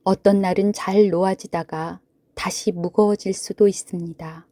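A woman gently narrating a sleep meditation in a soothing, hushed manner, with long pauses between phrases. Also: mid-range voice, steady tone, no echo. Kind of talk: sleep story narration, guided Buddhist relaxation.

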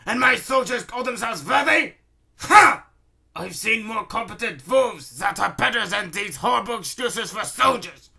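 Man doing a loud, raging villainous baron. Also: sits high, expressive, slow, creaky, distant mic, pitched above the performer's own voice, heavily acted. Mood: furious, screaming. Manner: ranting, blustering. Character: raging, sneering villainous baron, petulant male tyrant.

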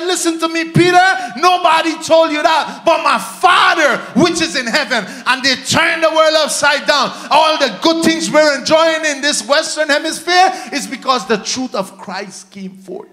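On an indoor church stage, a pastor in his thirties from Guyana preaches a sermon into a handheld microphone, his Guyanese accent carrying emphatic, repetitive exhortation. His voice is very high with a sharp tone.

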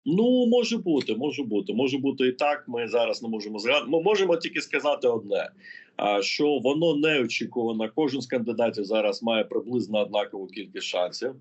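A man's voice: mid-range voice, animated, brisk. A man working as a political analyst, answering interview questions in an explanatory way, thinking aloud as he goes. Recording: muffled lo-fi audio.

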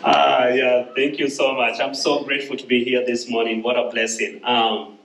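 A man's voice: medium pitch, level tone, moderate pace, gravelly, a bit bright. A man, giving an earnest testimony sermon from a church stage, often repeating words as he restarts. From Kenya. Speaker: guest speaker. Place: church stage, large room. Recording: roomy church hall, somewhat distant.

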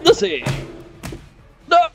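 A man in casual, teasing, jokey banter as he plays a game with friends. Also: extremely slow. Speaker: player in a group gaming session. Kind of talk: casual banter while playing. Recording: music clearly behind. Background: music.

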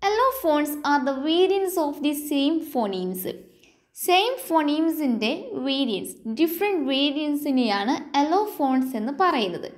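A woman with a Malayali accent gives an exam-prep lesson in a high, unhurried voice. She reads out definitions slowly and stops to ask the viewer whether it is clear. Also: a little mellow. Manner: slow English definitions dictated, then explained; asks the viewer check questions. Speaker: teacher. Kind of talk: exam-prep lecture mixing Malayalam and English.

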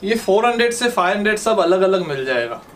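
A man, a shop owner showing his stock in a matter-of-fact casual sales pitch. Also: expressive, fast, fairly bright tone, slight background noise. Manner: matter-of-fact, listing items in short phrases.

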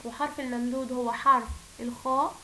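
Woman, Egyptian Arabic accent, children's teacher, high voice, bright tone, slow drawn-out syllables. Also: steady tone, slight background noise, poor audio. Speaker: first-grade Arabic teacher. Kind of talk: recorded classroom lesson for young children.

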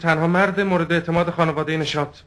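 An actor playing a stiff, overprotective man in therapy who gives defensive, halting answers. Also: on the high side, fairly even intonation, a bit bright, lightly acted. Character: stiff, overprotective man recounting his family. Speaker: patient.

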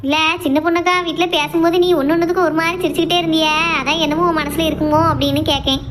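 A woman voicing a scolding, worried middle-aged mother in an animated comedy. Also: sits high, very fast, noisy background, close to an everyday voice. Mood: concerned. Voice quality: scolding, exasperated.

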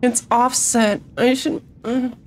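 Woman streamer, morning-rough phlegmy voice, blunt and profane, slightly high pitch. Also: fairly even intonation, slow pace, a little mellow, a little hiss or hum. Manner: swears a lot, blunt and chatty. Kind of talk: casual gaming stream chat.

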